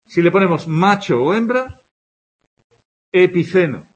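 A man with a Spanish accent from Spain teaches a grammar lesson, listing examples and checking that his students follow. His voice is a little high and breathy, and his pitch rises and falls a lot as he explains. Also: lively intonation, a little slow.

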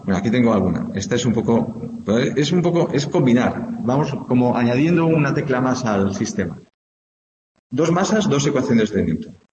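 A man's voice: mid-range voice, darkish tone. A man teaches physics, working through problems step by step and checking with the class as he goes. His voice carries a long echo, as if picked up in a big hall. The sound is dull and lo-fi, with a faint hiss behind it. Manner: explains step by step, thinks aloud, often checks with "¿de acuerdo?". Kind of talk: informal classroom lecture.

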